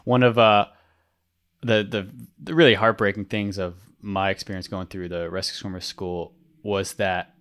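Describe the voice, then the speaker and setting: A young man with a slightly low voice chats casually on a podcast. He rambles and circles back, filling gaps with "like" and "um" and restarting his sentences. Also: fairly even intonation, moderate pace, a bit bright. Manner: rambling, many fillers and restarts. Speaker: podcast host.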